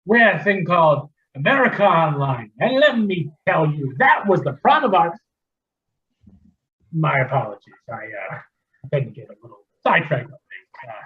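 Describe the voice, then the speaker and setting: An actor playing a flustered, old-fashioned dad in a comedy sketch, stammering and drifting off topic. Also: male voice, on the high side, muffled recording. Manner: flustered, easily sidetracked, stammering. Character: rambling old-fashioned middle-aged dad. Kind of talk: amateur comedy sketch acting.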